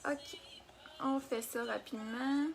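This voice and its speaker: A woman's voice: high voice, fairly even intonation, takes it slowly, vocal fry, a little hiss or hum. A young woman with a Québécois accent hosting a casual makeup live stream, chatting and answering viewer comments as she works. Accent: Québécois French.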